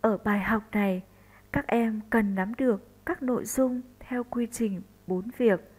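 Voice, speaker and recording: A woman primary school teacher from northern Vietnam giving a slow recorded lesson for first graders, spelling out sounds deliberately. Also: a little high, fairly even intonation, a little mellow, poor audio.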